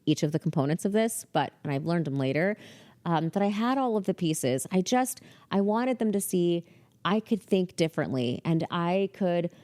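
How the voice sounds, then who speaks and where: A woman hosting a podcast, telling a story in a casual, chatty monologue full of "like" fillers and animated quoting. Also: lowish voice, moderate pace. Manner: chatty, heavy use of "like" fillers; animated, quotes people in character. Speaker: podcast host.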